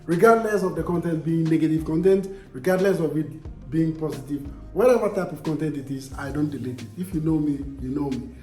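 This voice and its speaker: Faint music plays behind a young Ghanaian vlogger whose voice is a little high, brisk, and dark in tone, echoing in a reverberant space. Speaking with a Ghanaian accent, he casually answers viewer comments with emphasis, repeating himself and throwing out rhetorical questions.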